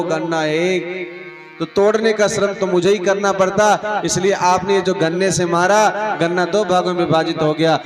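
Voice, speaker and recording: A male preacher voicing a calm, patient old saint in a sermon story. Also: sits high, natural voice.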